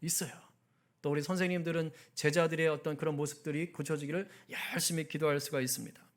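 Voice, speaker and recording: A man's voice: fairly high pitch, fairly even intonation, quick pace. A male pastor giving a conversational sermon at a prayer meeting, asking the congregation questions and acting out angry outbursts. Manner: acts out angry outbursts in quoted speech.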